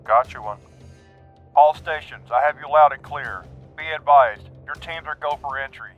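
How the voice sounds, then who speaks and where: A man's voice: medium pitch, normal speed, highs cut off, faint music behind. An actor playing a male base radio operator directing a tactical team, speaking in clipped military radio talk over a walkie-talkie. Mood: brisk, commanding.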